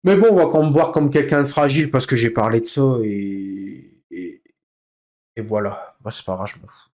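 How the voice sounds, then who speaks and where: A man's voice: normal speed, darkish tone. A man live streaming in casual chat, venting with heavy swearing and breaking into nervous laughter as he reacts to comments. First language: French. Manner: bursts into nervous, high-pitched laughter.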